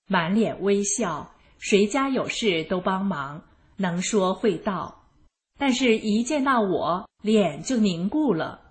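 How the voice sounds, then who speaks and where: A woman narrating her own life story in the first person, in a calm and even manner. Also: mid-range voice. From rural China.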